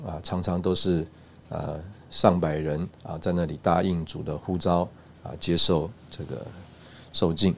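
A man from Taiwan recounting a personal church testimony, halting, with frequent "uh" and "ah" fillers. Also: deep voice, darkish tone. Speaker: church speaker giving a testimony.

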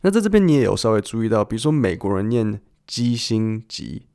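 A man hosts an English listening lesson, explaining clips to his listeners. His voice is low and dark, with a gravelly, creaky edge. He talks conversationally and keeps asking the audience questions. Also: big pitch swings, a little fast. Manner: patient, conversational teacher who asks listeners questions. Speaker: podcast host and English listening teacher.

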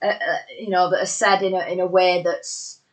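A woman's voice: on the low side, flat delivery, moderate pace. A woman in her thirties with a Bolton accent, a podcast guest talking in a chatty, self-deprecating way. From Bolton, England. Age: 30s. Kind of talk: casual interview chat.

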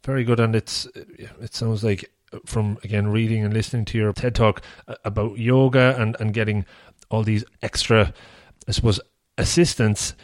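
A man's voice: lowish voice, level tone, normal speed, no room sound, clean studio sound. Male podcast interviewer, hesitant phrasing. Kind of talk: conversational interview.

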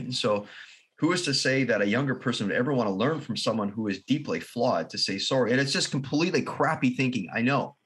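A man who is a guest in an interview, telling a long personal story in an earnest, halting way with restarts and soft laughs. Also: medium pitch, slightly rough. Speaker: podcast guest.

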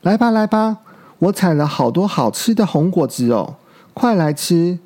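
Man doing a gentle father tyrannosaurus. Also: high-pitched, sing-song, moderate pace, voice pushed up. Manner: soothing, fatherly.

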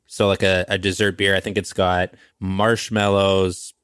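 A man's voice: sits low, level tone, a little slow, fairly bright tone, clear, resonant tone, no room sound, clean studio sound. A man co-hosting a casual podcast from home over a remote call, telling stories and cracking jokes about beer. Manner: chatty storyteller, jokes around. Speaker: podcast co-host. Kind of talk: casual chat.

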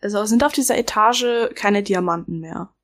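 A woman's voice: mid-range voice, moderate pace. Woman player asking the gm stuff, pretty blunt. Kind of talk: casual tabletop play.

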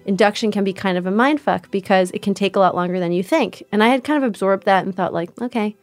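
A woman telling a personal story as a podcast guest, candid and animated, acting out what others said. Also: mid-range voice, fast talker, no room sound, faint music behind. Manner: candid, animated retelling with quoted voices.

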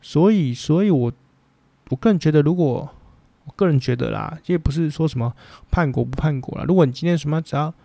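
A man's voice: a little high, fairly quick, creaky, dark tone, no echo. A man with a Taiwanese Mandarin accent talking as a podcast host, rambling bluntly through a casual opinion chat and swearing freely.

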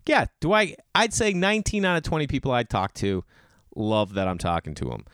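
Man, solo podcast rant, highly animated pitch, dry close sound, blunt, slangy, sweary, asks and answers his own questions. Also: fairly quick, clear, resonant tone, no room sound. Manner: blunt, opinionated, emphatic; swearing, bro-style slang. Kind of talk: casual ranting monologue. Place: garage.

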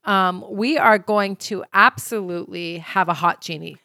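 A woman's voice: mid-range voice, unhurried, vocal fry, sharp tone, no echo, studio quality. A middle-aged woman co-hosting a casual podcast chat, playful, laughing often and swearing casually. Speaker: co-host.

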